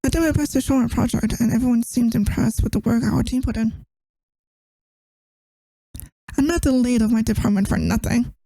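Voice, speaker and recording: A woman's voice: on the high side, quick pace, vocal fry, no room sound, low-quality recording. A woman playing a tired, affectionate girlfriend who misses her partner, in a tender, intimate ASMR role-play. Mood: tired, soft. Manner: tender, intimate, soft-spoken.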